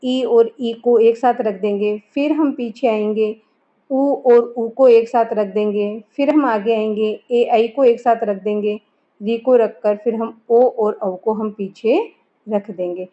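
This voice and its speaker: A woman's voice: on the high side, steady tone, slow. A woman teaching a grammar lesson, explaining step by step and asking and answering her own questions. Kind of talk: classroom lesson. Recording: dull lo-fi recording.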